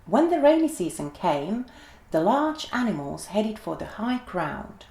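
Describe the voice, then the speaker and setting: A woman gently and expressively reading a children's story aloud in an echoey room. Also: medium pitch, creaky.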